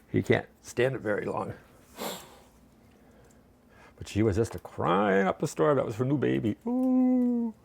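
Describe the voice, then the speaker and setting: A man's voice: mid-range voice, creaky, a little mellow. A man casually demonstrating a recipe in his home kitchen, chatty and folksy, rambling between steps. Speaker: home cooking vlogger.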